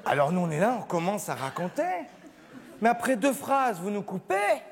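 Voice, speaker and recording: A man performing a stand-up comedy show on a theatre stage, animated and acting out little scenes. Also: sits high, moderate pace, noisy background. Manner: animated, acts out scenes with shifting voices. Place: theatre stage with live audience. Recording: live theatre recording, hall reverb, audience laughter. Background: audience laughing.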